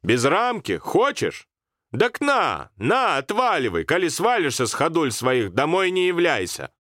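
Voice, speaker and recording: A man voicing a fussy, scolding old village grandmother in a storybook reading, with drawn-out country speech. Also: on the high side, wildly swooping pitch, fairly bright tone, no room sound, clean studio sound, pitched above the performer's own voice, full character voice.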